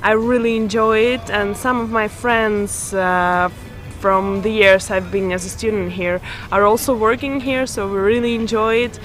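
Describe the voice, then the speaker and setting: A woman speaks at an easy, friendly pace about her job, with music playing softly underneath. Her pitch sits in a normal middle range, and her delivery is casual and unscripted. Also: fairly even intonation, normal speed. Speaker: staff member at a summer school. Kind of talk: casual interview.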